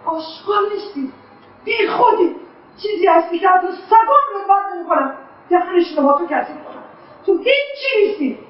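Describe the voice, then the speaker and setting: A woman's voice: on the high side, lively intonation, long pauses, natural voice. An actress playing an embittered middle-aged mother who lashes out with scorn, in a radio drama. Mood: scornful. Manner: bitter, scornful outbursts. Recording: echoey, distant, dull lo-fi sound.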